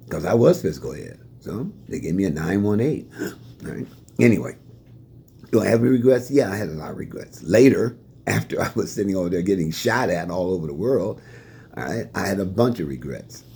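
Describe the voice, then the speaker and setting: Deep husky older man telling stories. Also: fairly quick. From Fort Wayne, Indiana, USA. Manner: animated, chuckling anecdotal storytelling. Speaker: retiring staff member sharing life lessons. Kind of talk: storytelling, answering questions.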